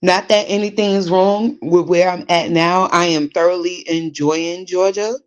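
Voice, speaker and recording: A woman in her forties with a Brooklyn New York accent, hosting a podcast in casual chat, animated, laughing often and digressing. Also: on the low side, normal speed, lo-fi sound. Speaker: podcast host. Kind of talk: casual chat reading listener comments.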